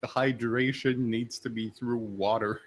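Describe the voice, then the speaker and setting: Dry-humored male co-host, husky and unhurried. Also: medium pitch, steady tone. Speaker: co-host on a stream. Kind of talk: casual live-stream chat.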